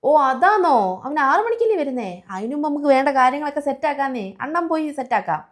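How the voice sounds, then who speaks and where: A woman playing an indulgent elder brother who quarrels loudly with his wife, in a home-made comedy skit. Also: sits high, expressive, fast.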